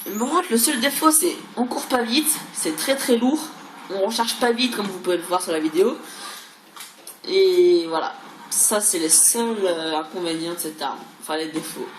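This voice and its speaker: A woman talks casually over gameplay in a roomy, echoing space. She rambles, repeating and stumbling over words. There is clear noise behind her mid-pitched voice. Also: moderate pace. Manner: mild crude swearing. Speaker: gaming video creator. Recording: roomy echo, clearly noisy background.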